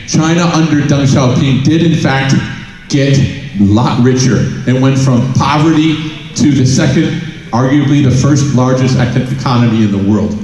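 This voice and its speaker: On stage in a large conference hall, a middle-aged man delivers a keynote through a headset mic, telling stories and posing rhetorical questions. His voice is mid-range with a darkish tone, and the hall is very echoey.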